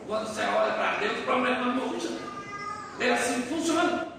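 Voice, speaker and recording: A man preaching with a Brazilian Portuguese accent, telling funny stories in an animated sermon. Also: very high-pitched, fairly quick, gravelly. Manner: storytelling, humorous, animated. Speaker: pastor. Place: church. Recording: echoey church hall, mic far off, noisy.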